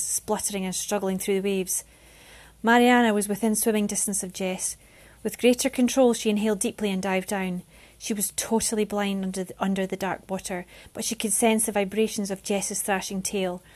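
A woman reading a novel chapter aloud with steady, expressive narration. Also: mid-range voice. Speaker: reader.

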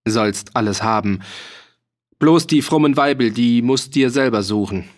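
A man's voice: mid-range voice, measured pace, close to an everyday voice. A man voicing a grave, worried peasant judge with a dialect, earnest and stern.

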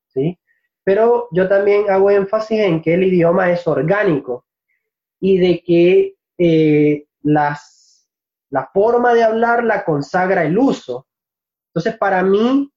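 Man from Venezuela, Spanish teacher, high voice, thoughtful and halting in a casual interview, muffled lo-fi sound. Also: a little mellow. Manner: reflective, searches for words, laughs easily. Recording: dull, lo-fi recording.

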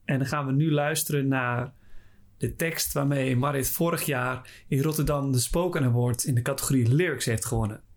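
A man, the podcast host, calmly announcing the next recording. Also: medium pitch, moderate pace. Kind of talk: introducing a recording.

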